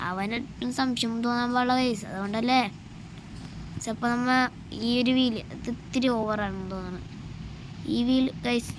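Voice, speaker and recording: High-pitched Malayali woman gamer, English mixed in, noisy. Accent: Malayali (Kerala). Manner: addresses viewers repeatedly, repeats phrases. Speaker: gaming YouTuber. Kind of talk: casual game commentary.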